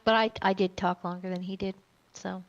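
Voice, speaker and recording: A woman's voice: mid-range voice, flat delivery, brisk. A woman chatting in a roleplay meeting, explaining her point. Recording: dull lo-fi mic.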